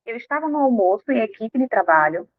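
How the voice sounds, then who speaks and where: A woman giving an informal talk on emotional health to a live audience, animated and acting out quoted inner voices. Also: fairly high pitch, brisk, no echo. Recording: dry, tinny phone-like sound.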